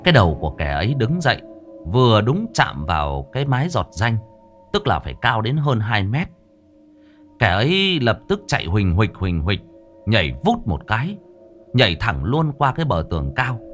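A man narrating a Vietnamese village ghost story in a vivid, expressive storytelling manner. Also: fairly low pitch, moderate pace, faint music behind.

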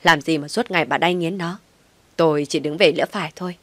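Stern older father, read by a woman, weighty and commanding, lowish voice, dry audiobook sound. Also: fairly quick, no echo. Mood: stern anger. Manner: stern, weighty, shouting when angry. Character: stern, taciturn older father, rarely speaks.

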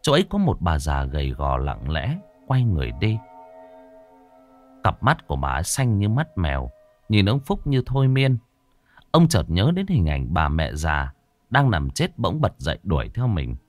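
Lively male horror storyteller. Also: sits low. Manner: dramatic, expressive reading. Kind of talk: scripted horror story narration.

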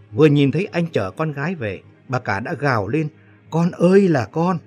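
A man reading a story aloud in a steady storytelling manner. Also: medium pitch. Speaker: narrator. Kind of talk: audiobook story narration. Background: faint background music.

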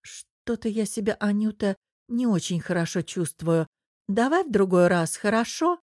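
A woman's voice: medium pitch, animated, normal speed, darkish tone, no echo, studio quality, close to an everyday voice. Woman voicing a weary, guarded woman. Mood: tired. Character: weary middle-aged woman, guarded and polite.

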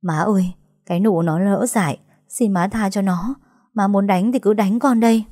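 A woman's voice: mid-range voice, moderate pace, mellow, dry recording, clean studio sound, natural voice. A woman voicing an anxious village mother who wails and begs for her daughter. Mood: begging. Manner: wailing, begging.

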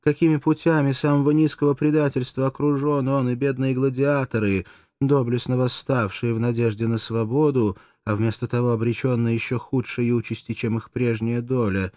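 Мужчина озвучивает молодую коварную куртизанку, театрально, с мольбой и надрывом, в аудиокниге. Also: male voice, fairly even intonation, moderate pace, a little mellow, no room sound, studio quality, lightly acted. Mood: wheedling. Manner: shrill, pleading, theatrical. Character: scheming young female courtesan, passionate, manipulative. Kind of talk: audiobook character voice.

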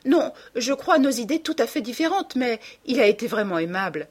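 A woman's voice: on the high side, very animated, fairly quick, slightly rough, pitched above the performer's own voice. A woman reading an audiobook and voicing a flighty society lady who gushes and rambles. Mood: gushing. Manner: gushing, rambling, breathless chatter. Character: chattering flighty society lady, nervous laugh.

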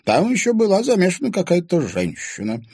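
A man's voice: high-pitched, huge pitch swings, a little fast, darkish tone, slightly rough, no echo, clean studio sound, pitched above the performer's own voice, full character voice. A man voicing a blunt, commanding older woman in an audiobook, direct and exclaiming.

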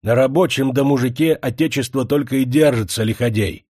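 A man's voice: medium pitch, a little fast, darkish tone, dry recording, clean studio sound, close to an everyday voice. A man voicing an old village elder who complains and pleads with an officer. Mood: indignant. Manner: indignant, pleading.

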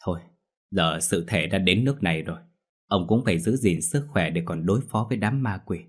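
A man's voice: deep voice, expressive, brisk, breathy edge. Man doing a grave old exorcist. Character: calm older male exorcist, grave and knowing.

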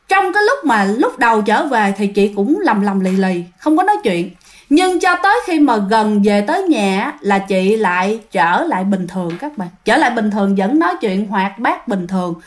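A woman with a Southern Vietnamese accent telling a ghost story in a chatty, drawn-out way, often addressing her listeners. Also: medium pitch.

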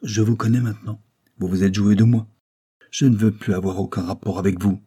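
A man voicing a proud, fierce young woman warrior who speaks with loud scorn. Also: low-pitched, little pitch movement, brisk, husky. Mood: scornful, fierce.

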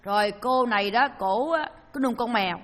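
A woman's voice: on the high side, a little fast. A woman, a Buddhist dharma teacher giving a storytelling sermon and acting out voices and sounds as she tells it. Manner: lively storyteller who acts out voices and sounds. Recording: long hall reverb.

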